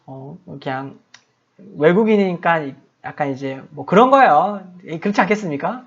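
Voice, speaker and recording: A man's voice: a little high, animated, normal speed, slightly rough. A middle-aged man preaching a sermon as a pastor and missionary, telling a story in a conversational, self-deprecating way. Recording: dull lo-fi sound.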